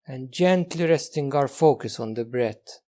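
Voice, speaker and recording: With an animated, mid-range voice, a male teacher guides a meditation, speaking gently and without hurry and leaving long pauses between phrases.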